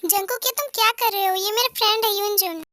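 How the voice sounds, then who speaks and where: A woman's voice: very high voice, fast, sharp tone, no room sound. A woman plays a lovesick, teasing teenage girl who sulks and pleads. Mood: sulky. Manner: pleading, sulky.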